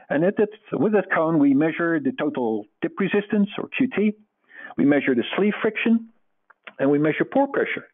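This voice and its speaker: A man's voice: on the high side, breathy edge. A middle-aged man from the Netherlands with a Dutch accent, giving an earnest, explanatory webinar lecture with frequent fillers. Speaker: presenter. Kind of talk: webinar lecture over slides. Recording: tinny phone-like webinar audio.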